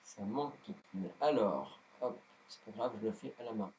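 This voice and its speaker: A man's voice: lowish voice, moderate pace, a little mellow, highs cut off, slight background noise. A man with a non-native French accent teaching a live guitar lesson, hesitant and self-deprecating with many fillers. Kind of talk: live-streamed music lesson.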